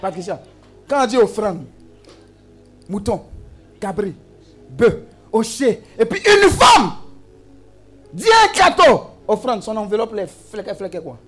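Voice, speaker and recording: High, animated preacher man. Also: unhurried, pauses often, breathy edge, faint music behind. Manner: exclamatory, call-and-response with the congregation; humorous asides and teasing. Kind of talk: sermon.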